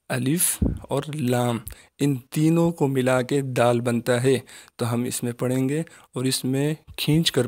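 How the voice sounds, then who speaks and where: A man teaching children the Arabic letters in a patient recitation lesson, with a Pakistani Urdu accent, slowly drawing out each letter as he says it. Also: medium pitch, darkish tone. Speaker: Quran teacher.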